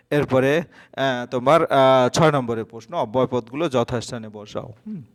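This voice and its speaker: A male teacher works through a revision paper at a steady, middling pitch. He reads each answer aloud and explains it, stopping often on hesitant filler sounds between the points. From West Bengal, India. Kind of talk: spoken exam-prep lesson.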